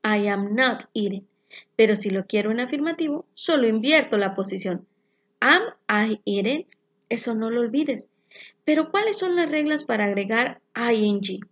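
A woman teaching an English grammar lesson, explaining rules slowly and clearly and reading example sentences. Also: on the high side. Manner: clear, slow explanations with spelled-out endings.

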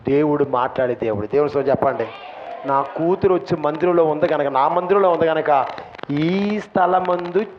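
A male pastor preaching a sermon in a church, impassioned, swinging between shouting and soft asides. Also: fairly high pitch, normal speed. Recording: dull lo-fi recording, faint room noise.

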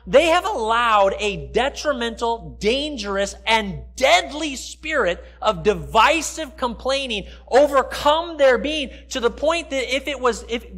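Preaching from the stage of a large church sanctuary, a middle-aged American pastor speaks in a very high, fairly bright voice. He explains things conversationally and keeps turning aside to talk to his audience.

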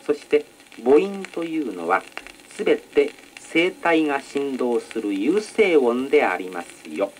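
Older-record male instructor, lively pitch, polite formal lecturing, faint hiss. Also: a little slow, rough recording. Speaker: announcing instructor. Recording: old record with faint noise.

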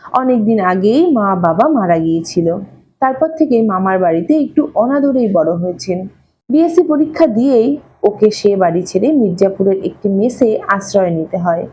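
A woman's voice: mid-range voice, a little hiss or hum, poor audio. A woman reading a Bengali short story aloud, narrating and voicing a husband and wife in dialogue. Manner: voices the husband and wife dialogue with lively shifts. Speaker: story reader. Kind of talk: scripted audiobook narration.

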